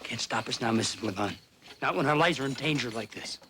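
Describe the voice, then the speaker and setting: Gruff frontier settler, worn tape. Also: male voice, medium pitch, expressive, fairly quick. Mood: defiant. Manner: curt, plain-spoken, rough grammar. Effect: worn tape copy. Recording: faint hiss of a worn VHS tape copy.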